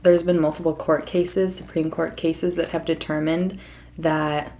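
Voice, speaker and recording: An American woman with a somewhat low-set voice speaks to her online audience. Her delivery is a casual, unscripted monologue. She sounds earnest and leans on her points with emphasis. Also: little pitch movement, measured pace, dark tone. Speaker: mukbang vlogger.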